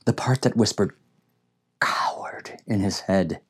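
A man narrating an audiobook in a measured, reflective way. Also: lowish voice, a little mellow. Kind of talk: scripted narration.

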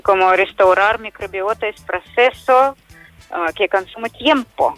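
A woman with a Russian accent speaks in a mid-pitched voice, explaining things as an interview guest. Her Spanish is non-native and halting, with small words left out. Faint music plays behind her. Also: a bit bright, no echo. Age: adult mother. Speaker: health product entrepreneur, interview guest. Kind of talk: conversational explaining.

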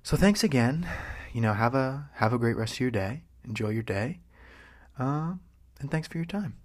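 A man hosting a casual solo podcast, playful and mock-sultry, talking close into the microphone right in the listener's ear and often dropping to a breathy whisper. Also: medium pitch, expressive, moderate pace, slight background noise. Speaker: podcast host. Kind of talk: casual chat podcast monologue.

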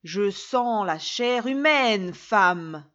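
A huge, hungry man-eating giant booms out slow, heavy threats, as a woman puts him on. His voice swings up and down a lot. The sound is dull and lo-fi, like an old storybook recording. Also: lively intonation, fairly bright tone. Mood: menacing.

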